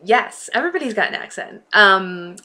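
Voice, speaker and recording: Working through a list of questions, this American woman reads each prompt aloud and answers casually and playfully, in a US Northeast accent with a slight New York-New Jersey lean. She speaks at medium pitch in a bright, forceful, sing-song way at a moderate pace.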